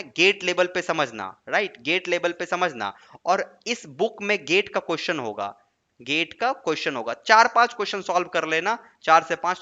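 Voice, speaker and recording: A man's voice: on the high side, sharp tone, muffled recording. A man teaching an online exam-prep lesson, often checking in with questions to his students. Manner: coaxing, asks checking questions like "right?". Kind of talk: online lesson with screen writing.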